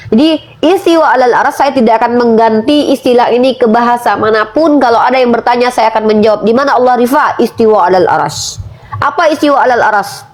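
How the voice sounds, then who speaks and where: A woman making a religious argument in a debate, forceful, asking herself rhetorical questions and slowing down to stress key points. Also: on the high side.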